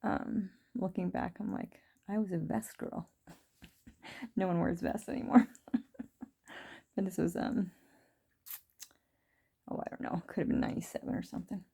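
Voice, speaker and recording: A woman in her thirties talking through her feelings in a rambling, reflective video diary, full of fillers and soft laughs. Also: lowish voice, steady tone, moderate pace, gravelly, long pauses, slightly rough. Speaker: vlogger. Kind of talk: reflective personal diary talk.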